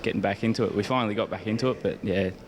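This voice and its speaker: Over a background crowd, a young Australian rules footballer races through casual, hesitant, rambling interview answers. He has an Australian accent and a voice on the low side.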